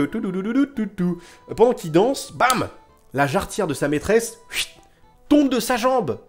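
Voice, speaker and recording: Telling history tales live to his viewers, a man speaks in a fairly high, slightly mellow voice. His animated, theatrical storytelling stays casual, and he repeats phrases for suspense and emphasis.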